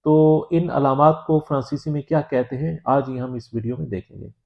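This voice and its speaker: A man from Pakistan giving a language lesson, explaining in a measured, patient way with frequent hesitant pauses. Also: mid-range voice, vocal fry. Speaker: French teacher. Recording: dull lo-fi recording.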